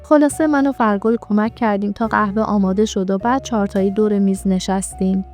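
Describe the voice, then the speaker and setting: Woman storyteller reading a story, steady and brisk, middle voice, faint music under it. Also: medium pitch.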